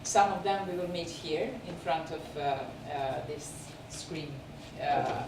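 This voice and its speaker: A woman with a Serbian accent and a low voice hosts a film festival, introducing films and guests and conducting an interview. She speaks unscripted and haltingly, searching for words. The screening venue is echoey and noisy, and she is far from the mic.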